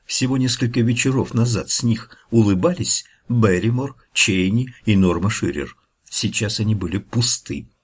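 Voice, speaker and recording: A man narrating a first-person noir audiobook with expressive, dramatic storytelling. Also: lowish voice, breathy edge. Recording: faint music behind the voice.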